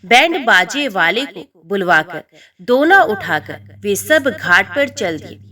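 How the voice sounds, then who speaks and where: A woman narrating a devotional folk tale in an expressive, dramatic way. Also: mid-range voice, slow. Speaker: storyteller.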